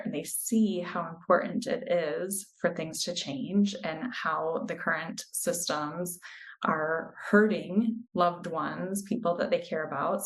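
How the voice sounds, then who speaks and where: A woman in her thirties appears as a guest on a podcast and speaks as a coach. Her voice sits slightly low, and she talks slowly and earnestly, explaining things carefully. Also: low-quality recording. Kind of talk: interview conversation.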